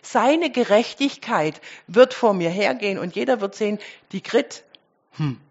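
A woman preaching to a congregation, her voice slightly husky and breathy. She moves between forceful emphasis and soft asides and poses rhetorical questions to her listeners. The recording is muffled and dull, with the highs rolled off. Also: a little slow. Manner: expressive, swings between loud emphasis and quiet asides. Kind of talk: sermon.

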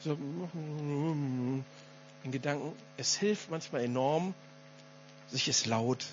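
A man's voice: on the high side, slow pace, highs cut off, slight background noise. A male pastor preaching a sermon to his congregation, emphatic and given to repeating key phrases.

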